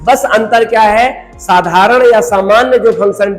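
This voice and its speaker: A man's voice: high-pitched, measured pace, long reverb tail, soft background music, poor audio. A man teaching a recorded programming lecture, repeating points and asking rhetorical questions while he mixes English terms into his talk.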